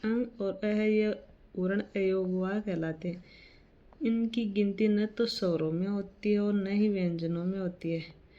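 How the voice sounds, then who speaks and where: A woman teaches grammar at an unhurried pace, reading definitions from her notes and then explaining them in plain words. Her voice is mellow and stays level, with little rise or fall. The recording is dull and lo-fi. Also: medium pitch, steady tone.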